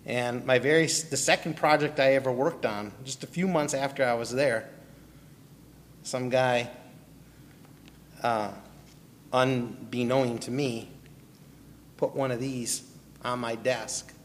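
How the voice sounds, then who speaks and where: The pastor, a Milwaukee man with a mid-range voice, preaches slowly and steadily, pausing often as he tells his personal testimony. He asks the congregation questions and calls on people by name. There's slight background noise and a long hall reverb.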